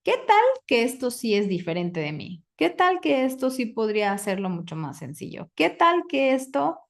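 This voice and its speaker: Woman facilitator, coaching a group, questions the audience, mid-pitched voice. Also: big pitch swings, normal speed. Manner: asks the audience questions, recites clearing statements. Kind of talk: live group coaching session.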